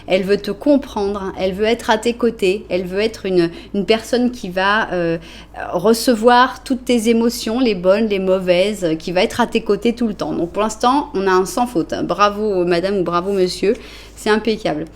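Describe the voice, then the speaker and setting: A woman's voice: medium pitch, normal speed. Chatty French tarot reader woman. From France. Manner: chatty, reassuring, narrates each card. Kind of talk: tarot card reading.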